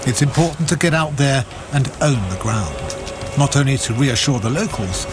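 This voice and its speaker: A man's voice: mid-range voice, normal speed. A man reading dramatic, scripted documentary narration in grave, emphatic short phrases. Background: music.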